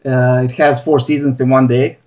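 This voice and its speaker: A young adult sports science researcher from Bosnia, speaking with a Balkan accent, joins a podcast as a guest for a casual chat via Skype. His mid-range voice is flat and a little mellow, at normal speed, and the call audio comes through dull and lo-fi.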